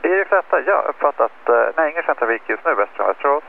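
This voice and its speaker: A man's voice: on the high side, animated, fast talker, gravelly, phone-quality sound. A man working as an air traffic controller, giving standard phraseology over the radio. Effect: radio transmission. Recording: thin radio link, faint static.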